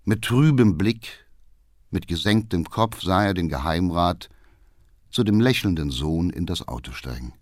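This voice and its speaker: A man reading a novel aloud for radio, with expressive, theatrical storytelling. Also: deep voice, measured pace, dry recording, clean studio sound.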